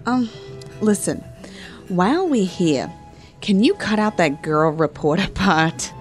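A woman's voice: on the low side, expressive, slow. A woman playing a good-natured, sardonic reporter in a comic audio drama, talking in a dry, sarcastic way. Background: music.

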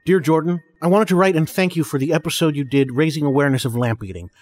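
A man playing an obliging male co-host who reads listener mail in a formal, measured way. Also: fairly high pitch, a little mellow, lightly acted. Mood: matter-of-fact.

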